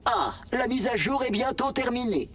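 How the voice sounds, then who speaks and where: A man playing a gentle, wry, talking vending machine in a French video game, polite and theatrical in manner. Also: very high voice, lively intonation, normal speed, breathy edge, far from the mic, full character voice. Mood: wistful, teasing. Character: chatty sentient male vending machine AI, gentle, wistful, wry.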